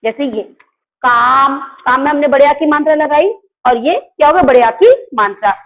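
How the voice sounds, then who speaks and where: A woman's voice: high voice, moderate pace. A woman teaching a Hindi grammar class online to children. She asks the class questions and answers them herself, and she stops to correct her own slips. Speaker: school teacher. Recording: tinny phone-like audio.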